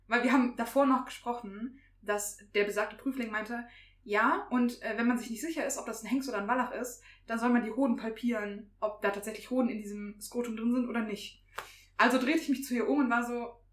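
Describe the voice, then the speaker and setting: A young woman, a veterinary student, casually telling an animated story, acting out what people said and swearing now and then. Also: fairly high pitch, a little fast. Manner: animated storyteller, acts out quotes, laughs, swears. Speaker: veterinary student, podcast co-host. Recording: roomy, echoey room.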